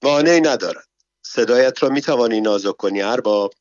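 A man's voice: mid-range voice, no room sound, close to an everyday voice. A man reading a storybook, voicing a sly, cheerful male servant who coaxes his master along, on a dull, dry recording. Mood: eager. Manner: coaxing, lively, in broken foreign phrases.

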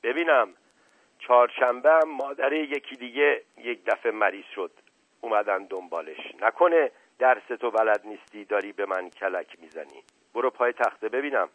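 A man voicing a sarcastic, bullying male schoolteacher who shouts at pupils, in a narrow tinny recording. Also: medium pitch, no room sound, close to an everyday voice. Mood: mocking. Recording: narrow tinny phone-like sound, dry.

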